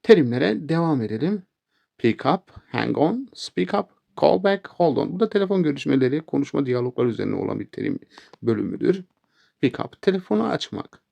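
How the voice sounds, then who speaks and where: Gravelly man teaching English phrases. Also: a little high, sing-song, dark tone. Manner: reads English phrases slowly and clearly, then gives Turkish meanings. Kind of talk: language lesson.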